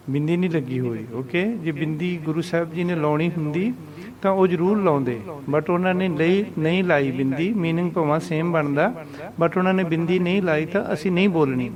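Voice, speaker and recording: A man teaching a scripture pronunciation lesson, reciting verses slowly and deliberately and repeating corrections. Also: on the high side. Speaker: Gurbani teacher.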